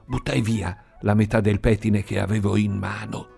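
A man reading a story aloud in an expressive, sing-song storytelling manner. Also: fairly low pitch, normal speed, gravelly. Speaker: narrator. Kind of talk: audiobook reading. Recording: faint music behind.

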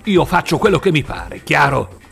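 A man voicing an angry older Italian work boss who shouts and bullies, in a spoken audiobook. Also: medium pitch, expressive, measured pace, creaky, slightly rough, soft background music, exaggerated voice. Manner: shouting, bullying. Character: furious older Italian boss of a logging job.

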